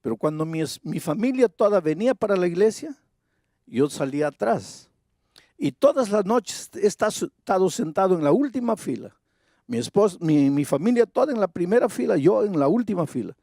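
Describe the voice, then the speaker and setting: A preacher voicing a tearful old man of about eighty, who confesses softly and haltingly in a dry, close sound. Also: sits high, very animated, no room sound, heavily acted. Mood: confiding.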